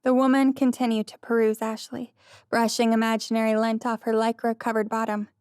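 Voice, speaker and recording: A woman's voice: a little high, little pitch movement, fairly quick, a little mellow, clean tone, no room sound, studio quality. Woman narrating a light romance audiobook. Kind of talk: scripted narration.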